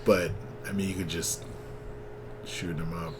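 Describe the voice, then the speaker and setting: A man's voice: low-pitched, unhurried. Laid-back man chatting about comics. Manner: relaxed, laughs often, many fillers. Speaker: comic book podcast co-host. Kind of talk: casual chat.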